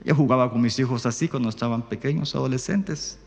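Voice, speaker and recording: A man, a pastor telling a story in a sermon, dropping to a hush and then rising loud. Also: medium pitch, brisk, vocal fry, in a large hall. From Guatemala. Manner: storytelling, swings from hushed to loud. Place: church.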